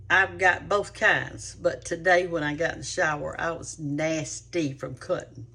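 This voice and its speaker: A woman's voice: deep voice, creaky, fairly bright tone, husky. A woman hosting a cooking show, chatting to viewers in a rambling, homespun way. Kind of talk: casual chat to viewers.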